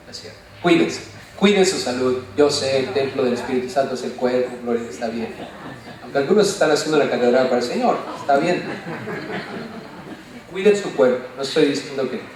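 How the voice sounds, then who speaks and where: Preaching pastor, echoey from afar. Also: male voice, mid-range voice. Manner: animated, asks the congregation questions; playful, jokes and mimics voices. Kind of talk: sermon. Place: church sanctuary. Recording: echoey church from far off.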